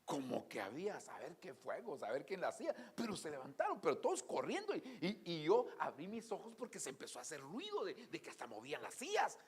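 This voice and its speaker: A man preaching a sermon in a church, telling stories and swinging from soft asides to loud exclamations. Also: on the high side, huge pitch swings, fairly quick, few pauses, slightly rough. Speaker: pastor.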